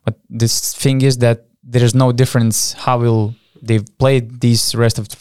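A man co-hosting a basketball podcast, explaining his points in casual, measured sports discussion. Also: medium pitch, flat delivery, darkish tone, clear, resonant tone, no room sound, clean studio sound.

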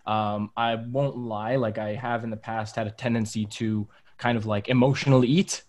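A man's voice: fairly low pitch, steady tone, normal speed, a little mellow. A man chatting casually on a podcast, in a loose, rambling way full of "um" and "you know". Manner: loose, filler-heavy. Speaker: podcast guest. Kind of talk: casual chat.

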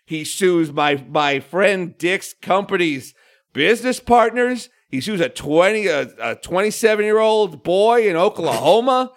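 Male comic guest, deadpan, higher voice with big swings in pitch. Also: unhurried. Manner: deadpan, swings between loud and hushed asides, sing-song quoting. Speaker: comedian guest. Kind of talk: casual podcast chat.

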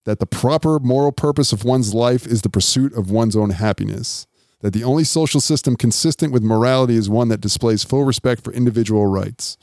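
A man's voice: medium pitch, a little mellow, no room sound, clean studio sound. A man hosting a podcast, chatting casually and explaining things in a loose, rambling way. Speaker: podcast host. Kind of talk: casual chat with reading and recapping.

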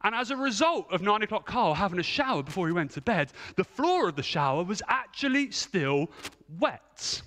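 A man preaching from a church stage with a high, lively voice that swoops up and down as he tells a funny story at his own expense. His tone is bright and forward, and a long hall reverb trails every line. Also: moderate pace. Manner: humorous, self-mocking anecdote. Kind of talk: storytelling sermon.

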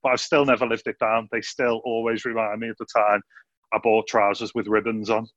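A man's voice: on the low side, level tone, brisk, fairly bright tone, dry recording. A man hosting a casual youth video call interview from his living room, chatty and upbeat. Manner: chatty, upbeat, calls people mate. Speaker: youth ministry host. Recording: dry, dull lo-fi video call audio.

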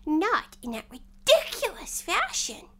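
A woman voicing a small, sleepy, sulky dormouse in a storybook, complaining in a breathy, squeaky, drawn-out voice. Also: wildly swooping pitch, fairly bright tone, a little hiss or hum, heavily acted.

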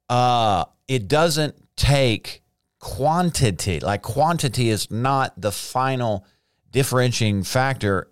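A man's voice: fairly low pitch, clean tone, no room sound, studio quality. A man giving a casual devotional talk, speaking earnestly and conversationally as he reads out statistics.

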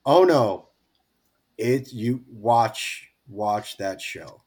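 Brief: man, mid-pitched, podcast guest, loose rambling chat full of restarts. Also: animated, a little mellow, husky. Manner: rambling, halting, with many restarts. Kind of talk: casual chat.

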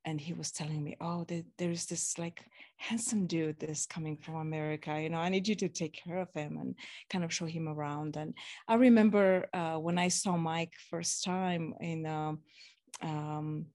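Lower-voiced woman from Romania. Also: fairly even intonation, moderate pace, a little mellow. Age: 40s. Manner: modest, laughs between phrases. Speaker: podcast guest. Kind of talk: casual interview storytelling.

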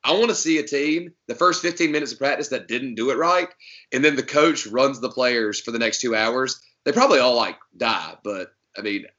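A man's voice: mid-range voice, normal speed. A man, co-hosting a podcast in casual, joking chat. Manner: joking, animated, does mock accents. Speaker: podcast co-host. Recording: dull lo-fi audio.

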